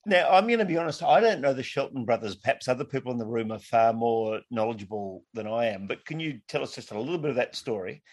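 A man's voice: medium pitch, quick pace, hardly any pauses. Chatty male podcast host. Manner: chatty, self-deprecating. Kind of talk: podcast interview.

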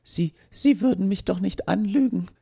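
A broken-down robot with a childlike, giddy devotion to his painting hobby, heard in a storybook reading. The voice sits very high above a normal man's and comes out eager and stammering. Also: moderate pace, creaky, warm tone, husky, full character voice. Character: broken childlike male robot obsessed with crafts.

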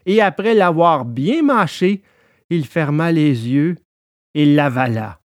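A man narrating a storybook in an expressive, lively way. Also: on the high side, slow pace, no echo, clean studio sound.

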